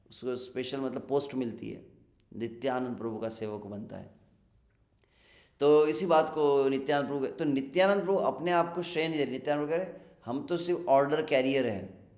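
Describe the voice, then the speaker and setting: Man preaching in an echoey room. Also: medium pitch. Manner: animated storytelling, acts out warning villagers in raised voice. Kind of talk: devotional sermon with sung Bengali verses.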